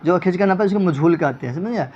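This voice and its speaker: A man's voice: high voice, darkish tone. A male teacher giving an online grammar lesson, repeating each point and often checking whether students understood. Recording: dull lo-fi recording.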